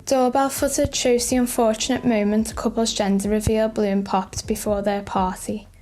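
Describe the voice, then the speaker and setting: A woman's voice: a little high, little pitch movement, normal speed. Woman narrating over faint music. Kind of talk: scripted light-news clip narration.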